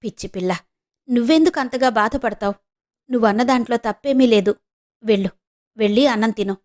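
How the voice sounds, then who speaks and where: A woman's voice: on the high side, fairly quick, lightly acted. A woman voicing an unmarried elder sister who is a doctor, questioning firmly and speaking heavily, in a storybook reading. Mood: hurt. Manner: firm questioning, then soft and heavy.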